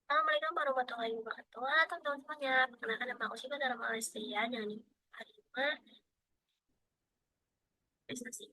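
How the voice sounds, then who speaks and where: Bright-voiced young woman presenting. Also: high-pitched, fairly even intonation, quick pace, pauses often, no echo, low-quality recording. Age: young adult. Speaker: student presenter. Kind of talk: casual tutorial presentation.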